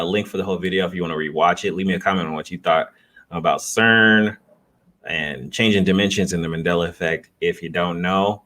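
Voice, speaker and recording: A man's voice: deep voice, bright, forceful tone. A man giving a casual, off-the-cuff reaction as a vlogger, talking in a loose, slangy, rambling way.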